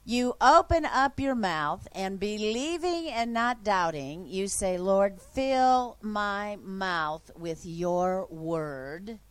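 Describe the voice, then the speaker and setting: A woman preacher voicing God as a calm, patient male deity, asking slow, measured questions. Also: mid-range voice, smooth. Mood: reassuring.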